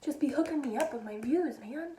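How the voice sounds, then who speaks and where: A woman's voice: high-pitched, lively intonation, brisk, warm tone. A young adult woman vlogger telling a story in a casual, chatty way, laughing at herself often. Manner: giggly, self-deprecating, chatty. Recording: echoey room.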